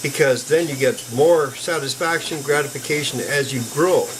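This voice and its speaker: Older guy, folksy and chatty, slightly high voice, faint room noise; casual repair walkthrough. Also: moderate pace. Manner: folksy, chatty, with bursts of excitement. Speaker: PC repair hobbyist. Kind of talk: casual hands-on tutorial narration.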